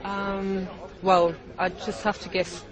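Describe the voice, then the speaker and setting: A man from Norway, answering in a hesitant, halting way during a street interview. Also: sits high, monotone, rough recording. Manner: hesitant, halting, searching for words. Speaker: campaigner being interviewed. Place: outdoors in a busy city street. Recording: street recording with crowd noise.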